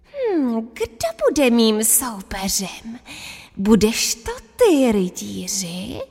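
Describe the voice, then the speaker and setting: A woman voicing a croaky old male wizard, the dragon's helper, speaking slowly and grandly. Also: fairly high pitch, sing-song, darkish tone, full character voice. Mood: taunting.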